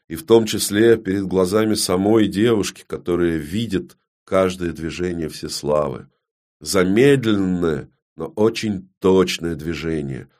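The narrator of this dark fantasy audiobook is a man whose voice sits low. His delivery is grave and deliberate, frequently dropping into a hush.

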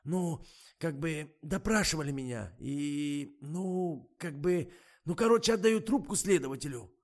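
A man's voice: on the high side, lively intonation, unhurried, pitched above the performer's own voice. A man voicing a grumbling, slangy middle-aged male driver in an audiobook, rambling and full of fillers. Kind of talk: audiobook character voice.

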